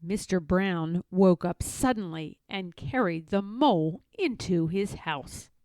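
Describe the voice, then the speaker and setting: A woman narrating a children's storybook aloud in an expressive, measured read-aloud manner. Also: on the low side, no echo. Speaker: storybook reader.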